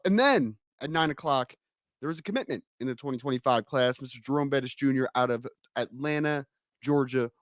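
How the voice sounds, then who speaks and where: A man hosting a casual sports talk show, a bit hoarse from a cold and talking with emphatic energy. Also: on the high side, no echo, clean studio sound. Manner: energetic, emphatic, hypes the audience. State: hoarse, slightly under the weather. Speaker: podcast host.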